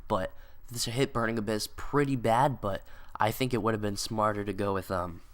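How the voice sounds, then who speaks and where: This young man, a card game video creator, has a lowish voice with fairly even intonation and speaks at normal speed. He's congested from a cold and his casual commentary wanders, full of "like" and "um" fillers.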